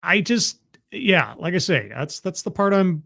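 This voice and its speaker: Watching a video live, this streamer makes casual, wry and skeptical remarks and thanks people in the chat. He speaks unhurriedly in a high-sitting, fairly bright voice with big pitch swings and vocal fry.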